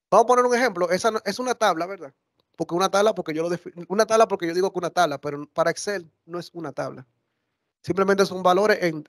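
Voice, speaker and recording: A man giving a live software tutorial as workshop instructor, talking conversationally and often correcting himself mid-sentence. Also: sits high, dry recording, studio quality. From Dominican Republic. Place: classroom or lecture hall.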